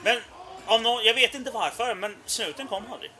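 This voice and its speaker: Man in his thirties, casual storyteller, profane and rambling, high-pitched, piercingly bright. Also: a little hiss or hum. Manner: profane, rambling, self-mocking. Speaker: podcast storyteller.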